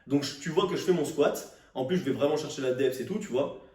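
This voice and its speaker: A man's voice: mid-range voice, fast talker, a little mellow. A young man venting casually to camera in slang, exasperated and ranting, with swearing. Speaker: fitness vlogger. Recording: roomy echo, distant microphone.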